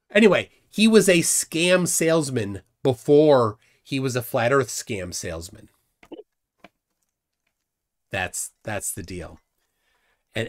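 A middle-aged host streams casually from a room at home, sounding scornful and animated. His voice is medium-pitched, and he often lets his sentences trail off quietly.

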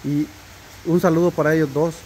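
A man, soft-spoken and slow, bantering with his wife. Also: on the high side, level tone, a little hiss or hum. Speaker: host's husband. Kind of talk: casual couple banter.

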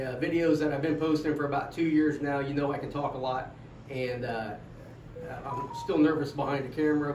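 A middle-aged man with an American accent hosting a casual podcast, rambling and joking. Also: on the high side. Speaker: podcast host. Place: echoey room, away from the mic. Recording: echoey room, distant mic, faint noise.

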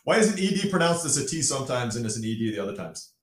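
A man's voice: medium pitch, very animated, racing, reverberant. A man in his forties with an American accent, a podcast guest chatting casually and often tagging his points with "right?" and "you know". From United States. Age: 40s. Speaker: podcast guest, language school founder. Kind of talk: casual interview talk.

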